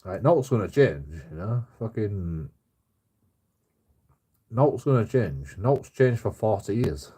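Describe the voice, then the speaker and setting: A man's voice: on the low side, very animated, slow, pauses often, warm tone, husky. A man in his forties with a Bradford accent, ranting casually on a livestream in a blunt, sweary, repetitive way. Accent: Bradford, West Yorkshire. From Bradford, England. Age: 40s. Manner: blunt, sweary, repetitive, often tagging sentences with "you know". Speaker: livestream host. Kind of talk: casual opinionated livestream rant.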